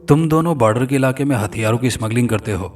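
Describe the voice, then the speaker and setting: A man's voice: medium pitch, fast, darkish tone, recorded from a distance, soft background music, lightly acted. A man voicing a brutal male police inspector who growls abuse and threats in a storybook horror tale. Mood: menacing. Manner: abusive, threatening.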